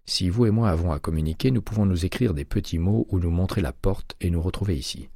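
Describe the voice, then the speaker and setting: A man voicing a self-assured former FBI hypnotist who speaks in a measured, firm way. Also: sits low, vocal fry, mellow, dry recording, clean studio sound. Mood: calm.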